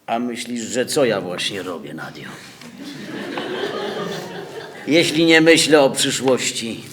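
A man's voice: medium pitch, very animated, normal speed, a crowd in the background, close to an everyday voice. An actor playing a passionate male revolutionary leader in exile, reading on a theatre stage in a declamatory, pleading way. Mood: thoughtful.

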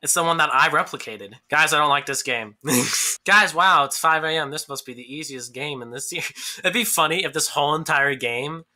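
A woman's voice: low-pitched, moderate pace, sharp tone. A woman doing goofy let's-play commentary on a game, rambling jokes and laughing often. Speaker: gameplay YouTuber.

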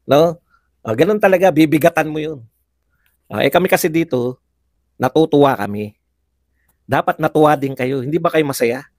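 A man's voice: on the high side, no room sound, studio quality. A man hosting a live political commentary show, chatty, laughing often and firing rhetorical questions at viewers.

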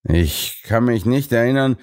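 A sulky, impatient politician who grumbles and whines through slow, drawn-out lines, as a male narrator puts him on. His voice is a touch raised and lively, in an audiobook reading. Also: mid-range voice, voice pushed up, lightly acted. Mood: grumbling. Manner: whiny, sulky.

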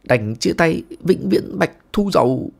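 A man doing a brash hot-headed young guy, loud, theatrical, whiny, pitched well above a normal speaking voice, audio-drama storytelling. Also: expressive, fast. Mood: mock dying.

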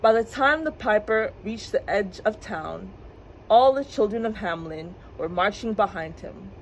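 A woman librarian reading a storybook aloud for children's story time with clear, expressive delivery. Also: medium pitch, unhurried, slight background noise, rough recording. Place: public library.

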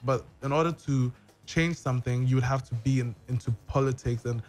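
A man's voice: mid-range voice, a little fast, darkish tone, soft background music. A young man from Germany, a guest blogger, talking earnestly in a casual podcast conversation in a small radio studio, filler words running through his long answers. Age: young adult. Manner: earnest, talks in long runs with many "like"s. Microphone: studio mic with headphones.

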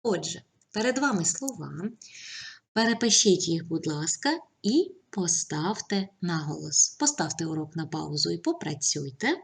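Husky woman teacher giving a lively lesson. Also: on the low side, normal speed. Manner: clear, instructive, patient. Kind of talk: online lesson.

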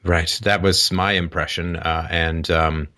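Low-pitched guy hosting a call-in, talks things through, lots of ums and restarts. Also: little pitch movement, a little slow, sharp tone. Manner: hesitant, frequent ums and restarts. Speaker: call-in show host. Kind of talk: conversational explanation.

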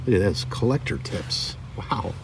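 A man's voice: on the low side, sing-song, unhurried. A middle-aged man casually showing toy cars from his collection, chatting and reading the card backs aloud. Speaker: diecast collector vlogger. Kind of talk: casual show-and-tell narration. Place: outdoor table by a lake on a windy day. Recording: distant mic with wind noise.

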